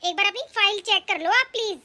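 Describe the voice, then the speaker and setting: A woman voicing a loyal, kind young daughter-in-law from a poor family in an animated story. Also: very high-pitched, quick pace, full character voice. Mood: calm. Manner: calm, earnest, firm.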